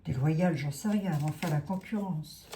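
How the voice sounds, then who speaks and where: A woman's voice: low voice, moderate pace, mellow, echoey room, slight background noise. A woman with a Lorraine French accent doing a casual tarot reading, musing aloud and hesitating with many fillers. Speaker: tarot reader.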